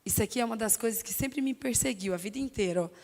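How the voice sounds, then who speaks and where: A woman with a Brazilian Portuguese accent giving an animated, emphatic talk on stage, sharing her own story. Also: a little high, fast. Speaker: speaker sharing testimony. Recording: long hall reverb.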